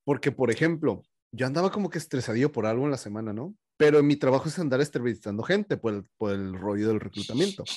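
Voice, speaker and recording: A man's voice: medium pitch, fast talker, few pauses, dry recording. Slangy man telling stories, dry sound. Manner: anecdotal, slangy, animated storytelling. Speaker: recruiter. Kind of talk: casual conversation.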